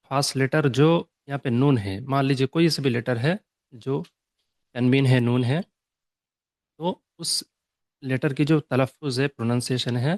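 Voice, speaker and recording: A man's voice: mid-range voice, no room sound. Man teaching a recitation lesson, dry room. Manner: mixes English terms into Urdu, checks understanding with repeated "okay?" and "clear?"; reads English definitions slowly and deliberately. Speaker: Tajweed teacher. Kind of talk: classroom lesson explaining rules.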